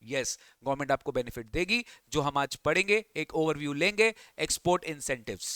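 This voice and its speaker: Indian english guy teaching exam prep, bit high voice, super dry close mic. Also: moderate pace, fairly bright tone, dry recording. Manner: quizzes students often, mixing English reading with Hindi explanation. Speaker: tax lecturer. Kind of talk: exam coaching lecture.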